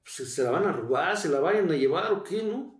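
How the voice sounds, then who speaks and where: A middle-aged man with a Mexican accent telling a painful personal story in a halting way, repeating words as he relives it. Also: on the high side, lively intonation, echoey room. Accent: Mexican Spanish. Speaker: interview guest. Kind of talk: emotional personal testimony.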